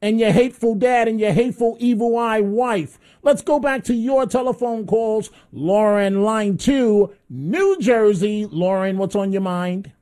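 A man's voice: sits high, measured pace, hardly any pauses, darkish tone. A man hosting a call-in talk radio show, speaking in a sarcastic, mocking and combative way.

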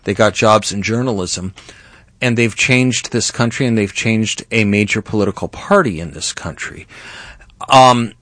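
A middle-aged male talk show host with a fairly low voice, delivering political commentary with emphatic, sometimes indignant energy. The sound is dry and close, with no room around it. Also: measured pace, fairly bright tone, dry recording. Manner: emphatic, rising to indignant outbursts.

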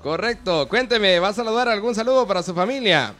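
A man's voice: high voice, lively intonation, a little fast, fairly bright tone. A Honduran man hosting a live radio call-in show, greeting callers in a friendly, chatty way. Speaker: radio host.

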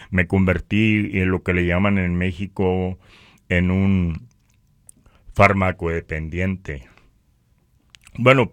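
Speaking haltingly and repeating words, a man from northern Mexico with a Mexican accent recounts his religious testimony conversationally. He has a low, somewhat bright voice. There's no echo.

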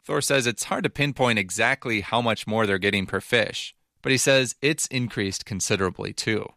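A man's voice: fairly low pitch, normal speed, gravelly, bright, forceful tone. A man narrating a scripted news feature in a conversational, explanatory way. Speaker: reporter narrating.

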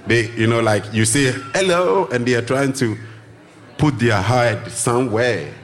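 A man from Ghana, a drumming teacher, talking casually as a guest in an interview at a festival broadcast, animated and acting out greetings. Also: a little slow. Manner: animated, acts out greetings in a high voice. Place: outdoor festival live broadcast.

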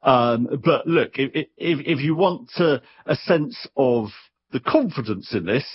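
A man with a medium-pitched, slightly rough voice speaks unhurriedly as an expert guest, the recording muffled. His explanations are conversational, animated, and wry, and he sometimes doubles back on his own words.

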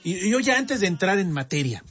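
A Mexican man with a husky, fairly high voice hosts in casual radio banter. The sound is a little dull, with faint music underneath. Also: big pitch swings, brisk, a bit bright. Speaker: radio host.

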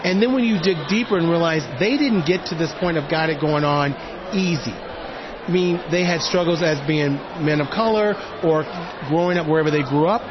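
A man's voice: a little high, normal speed, highs cut off, crowd noise. Earnest man over city traffic. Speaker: interviewee, community project founder. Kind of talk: interview.

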